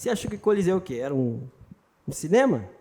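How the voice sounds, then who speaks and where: A man's voice: a little high, big pitch swings, fast, darkish tone. A man preaching a sermon, emphatic and conversational, joking and speaking straight to the congregation. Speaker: pastor. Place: church retreat hall.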